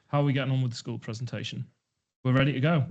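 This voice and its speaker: A man hosting an online team meeting, talking in a relaxed, reflective way with fillers. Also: mid-range voice, racing, muffled recording. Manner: conversational, reflective, uses fillers. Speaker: webinar host. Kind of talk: casual online meeting chat.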